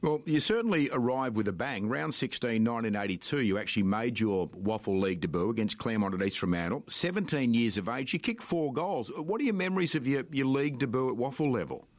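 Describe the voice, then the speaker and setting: A man hosting an interview, reading out facts in a measured way before asking his questions. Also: medium pitch, animated, no room sound. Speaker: interview host.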